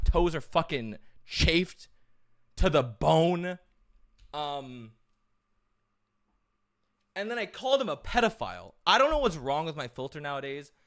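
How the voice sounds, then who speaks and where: A man telling a travel story in an animated, profane, self-mocking way. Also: on the high side. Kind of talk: casual storytelling.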